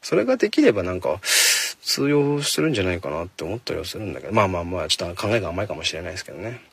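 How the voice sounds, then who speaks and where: A man hosting a casual solo talk show from inside a parked car, speaking quickly and chattily into a handheld phone and jokingly scolding his listeners. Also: sits low, big pitch swings, vocal fry, husky, no room sound. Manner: fast-talking, chatty, mock-scolding listeners. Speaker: radio show host. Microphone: phone held in hand.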